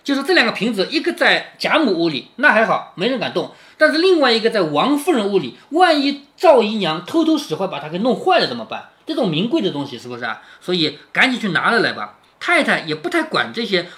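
Brief: chatty male storyteller-commentator, bright and animated, keeps asking "right?". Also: sits high, quick pace, hardly any pauses. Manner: conversational, asks rhetorical questions. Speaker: father reading and explaining a classic novel to his daughter.

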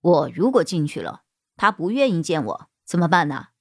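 A woman storyteller voicing a male shop boss who talks in a lowered, coaxing, soothing way. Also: very animated, moderate pace, no echo, clean studio sound. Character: gruff flustered male shop boss, gentle underneath.

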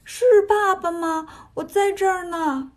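A woman's voice: very high voice, normal speed, pitched above the performer's own voice. A woman voicing a frightened, timid young daughter in a told story.

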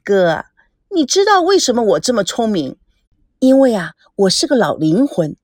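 A woman's voice: on the high side, sing-song, moderate pace, darkish tone, no echo, clean studio sound. A woman voicing a cocky, clever teenage girl in an audiobook, talking in a coaxing, know-it-all way. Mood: earnest. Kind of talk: audiobook character voice.

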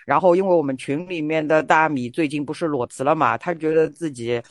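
A woman's voice: low-pitched, a little fast, no room sound, studio quality. A woman hosting a casual talk show among a group, explaining and introducing things conversationally. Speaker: podcast host.

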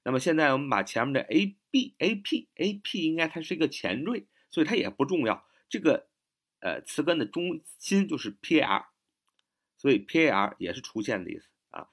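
A man teaching English vocabulary, spelling words out letter by letter and repeating each example sentence slowly. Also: fairly high pitch, sing-song. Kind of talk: vocabulary lesson.

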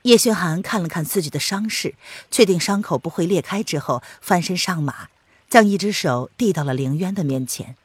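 A woman narrating an audiobook in an expressive storytelling read. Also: fairly low pitch, moderate pace, slightly rough, no room sound.

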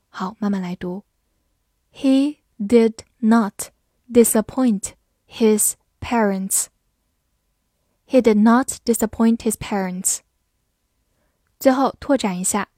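Woman tutor, higher voice, slow and deliberate, spells letters out, dry close recording. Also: darkish tone, no room sound. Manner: spells words out letter by letter, slow model readings. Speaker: English vocabulary teacher. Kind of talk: scripted vocabulary lesson.

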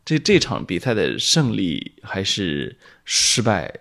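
Husky man telling a story. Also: on the low side, sing-song, slow pace, fairly bright tone. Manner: storytelling with frequent fillers and laughs. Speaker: tennis fan guest. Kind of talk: casual podcast chat.

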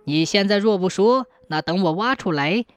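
Telling a story with acted dialogue, a woman with a medium-pitched, expressive, near-everyday voice plays a jovial, greedy male emperor. At a moderate pace, she laughs in a mock-regal, playful way as he teases his officials.

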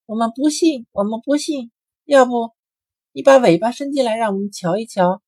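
A man voicing a group of excited little rabbit children in a storybook reading. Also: normal speed, no echo, clean studio sound. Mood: defiant. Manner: squeaky high chorus-like exclamations.

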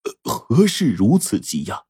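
A man voicing a secretive male messenger who speaks in a low, hushed voice in a told tale. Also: wildly swooping pitch, measured pace, slightly rough, no room sound, clean studio sound, exaggerated voice.

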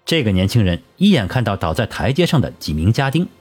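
Husky male narrator over soft music. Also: on the low side, sing-song. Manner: measured storytelling. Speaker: audiobook narrator. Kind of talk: scripted audiobook narration.

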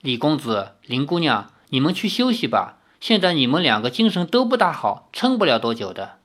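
A reader voicing an elderly male healer who speaks in a formal, measured, old-fashioned way. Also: medium pitch, very animated, a bit bright. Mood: grave. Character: elderly male village healer, courteous and grave.

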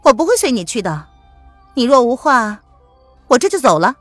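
Defiant scornful young woman, voiced by a woman, sharp, lively pitch, slightly husky. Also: normal speed, dry recording, faint music behind. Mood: tense.

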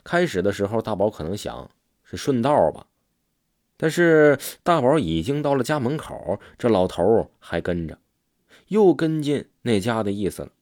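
A man telling a village ghost story in an animated storytelling manner. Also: on the low side, normal speed, dry recording, studio quality.

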